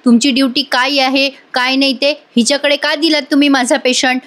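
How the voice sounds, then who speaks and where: A woman's voice: high-pitched, flat delivery, moderate pace, a bit bright. A woman voicing an angry young woman doctor who scolds sharply. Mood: scolding.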